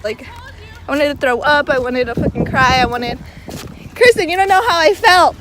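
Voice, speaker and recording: Young woman vlogger, high bouncy voice, giggly and dramatic, phone-recorded on a noisy street. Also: expressive, moderate pace. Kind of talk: casual vlog chat. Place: outdoors in a city, walking. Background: street and traffic noise.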